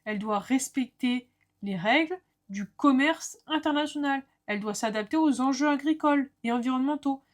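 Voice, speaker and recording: Woman teacher, fairly high voice, methodical explainer with friendly asides to the viewer. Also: moderate pace. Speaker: law lecturer. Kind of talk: explanatory lesson.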